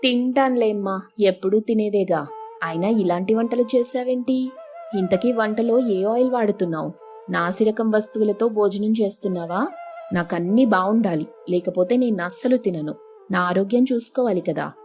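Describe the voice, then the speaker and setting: A snooty rich elder sister who brags and talks down to everyone, her voice mellow and dark, as a woman narrator puts her on in a storybook tale. Her scorn comes out in smooth, easy sentences. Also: mid-range voice, normal speed, faint music behind, natural voice. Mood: fussy. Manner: haughty, boastful and scornful. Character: arrogant rich elder sister, bossy show-off.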